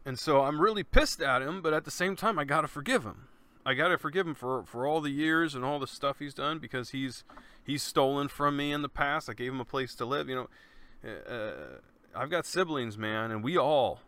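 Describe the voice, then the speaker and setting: A man's voice: medium pitch, expressive, normal speed, bright, forceful tone. A man hosting his own podcast in a casual, earnest monologue, talking loosely and often saying "man". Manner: laid-back, earnest, peppers speech with "man" and swearing. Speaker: podcast host.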